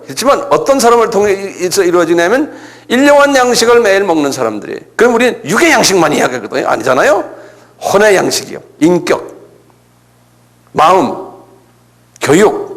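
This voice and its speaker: Animated older Korean pastor preaching. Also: male voice, sits high. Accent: Gyeongsang Korean. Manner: animated preaching, acting out prayers and asking the congregation questions. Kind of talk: sermon.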